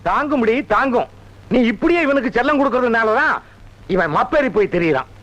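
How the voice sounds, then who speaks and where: A high, shrill excitable village man who wails and scolds in a theatrical way. The sound is dull, like an old film soundtrack. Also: fairly quick. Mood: scolding. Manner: theatrical, wailing calls. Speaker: comic villager. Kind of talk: comic film dialogue.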